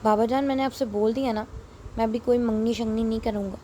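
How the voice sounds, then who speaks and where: A woman's voice: on the high side, steady tone, background noise, close to an everyday voice. A woman voicing a headstrong young male doctor in an audio story, speaking insistently. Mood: protesting. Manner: insistent, protesting.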